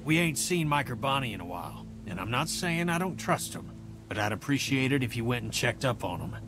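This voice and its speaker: An actor voicing a gruff middle-aged male survivor in a video game, blunt and reassuring, over clear game music. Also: medium pitch, very animated, brisk, natural voice.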